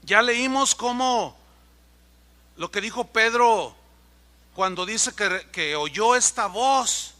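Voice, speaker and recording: A man, a pastor delivering an animated sermon and acting out the dialogue of his stories. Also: high-pitched, slow, long pauses. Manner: animated preaching with acted-out dialogue.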